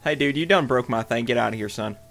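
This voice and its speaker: Gravelly, jokey male gamer. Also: medium pitch, fast, a bit bright, faint music behind. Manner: joking, teasing banter. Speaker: co-host gamer. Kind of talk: casual gameplay chat.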